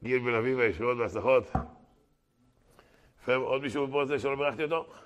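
A male rabbi giving an animated Torah lesson to a live audience, breaking into loud exclamations, then rallying donations in quick patter. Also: medium pitch, muffled recording. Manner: dramatic, bursts into loud exclamations; brisk auctioneer-like fundraising patter. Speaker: rabbi teaching a Torah class. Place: class hall with a live audience.

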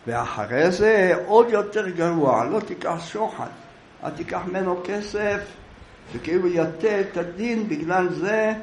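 A man giving a storytelling sermon on the weekly Torah portion, as an animated storyteller. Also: high-pitched, echoey room, slight background noise, rough recording. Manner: animated storyteller, shifting into character voices. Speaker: preacher.

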